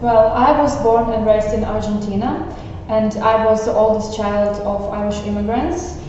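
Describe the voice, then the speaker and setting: A woman's voice: mid-range voice, moderate pace, a little hiss or hum, close to an everyday voice. A woman playing a ship stewardess in a school role-play. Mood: earnest. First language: Ukrainian. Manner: calm recounting with some hesitant fillers. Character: grown woman, ship stewardess recalling a shipwreck. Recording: echoey classroom, far mic, dull.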